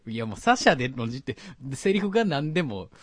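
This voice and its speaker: A hoarse woman with a Kansai accent co-hosting a casual radio chat, teasing and laughing often. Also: extremely low pitch, big pitch swings, brisk, no room sound, studio quality. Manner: teasing, laughs a lot, blunt. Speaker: co-host.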